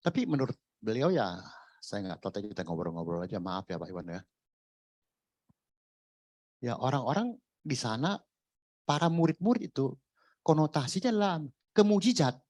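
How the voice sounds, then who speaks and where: A man's voice: medium pitch, big pitch swings, moderate pace, pauses often, a little mellow, dry recording. A man preaching a sermon in a conversational, jokey way, full of rhetorical questions. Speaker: pastor. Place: church.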